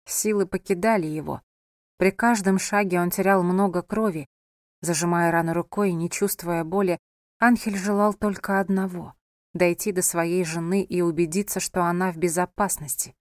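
A woman narrating a novel in a measured, even storytelling voice. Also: fairly low pitch, no echo, studio quality. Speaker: audiobook narrator.

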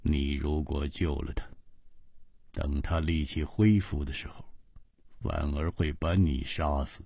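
A man voicing a cold, cautious, hard-hearted wealthy man who talks slowly, low and quietly, with a husky voice. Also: no room sound, studio quality, exaggerated voice. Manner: slow, low, quiet and flat-toned.

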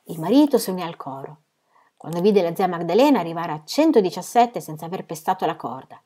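A woman reading a novel aloud in steady, measured storytelling. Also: fairly low pitch. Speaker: reader.

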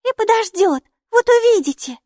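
Mikey, a woman putting on a piping, excited little girl. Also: moderate pace, no room sound, clean studio sound. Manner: high, loud exclamations. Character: eager six-year-old girl, excited and stubborn.

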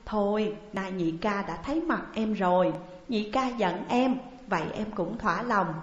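In an audiobook story, a woman voices a younger sworn brother who weeps and tearfully pleads with his elder, imploring and emotional. Her voice is medium-pitched, a little slow and close to everyday speech, and the recording sounds dull and echoey.

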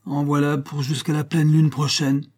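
A man's voice: medium pitch, moderate pace, mellow, voice pushed up, close to an everyday voice. A man reading aloud voicing a sly, easy-going young husband who teases his father-in-law. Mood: sly, lively. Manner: easy-going, phlegmatic, mocking.

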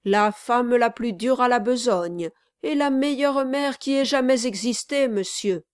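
A woman's voice: fairly high pitch, measured pace, clear, resonant tone, no echo, studio quality, voice pushed up, close to an everyday voice. A woman voicing a humble, earnest young male servant in an audiobook, speaking politely and gratefully.

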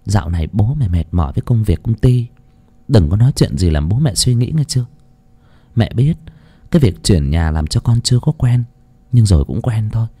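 A man voicing a caring, tired mother who gives gentle, earnest advice. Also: on the low side, animated, brisk, breathy edge.

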